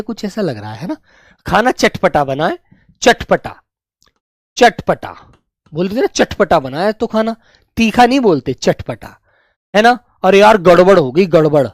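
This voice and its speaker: A man's voice: high voice, no room sound, studio quality. A man teaching an exam revision lesson in a chatty way, calling his students "beta" and "dear children" and asking "right?" again and again.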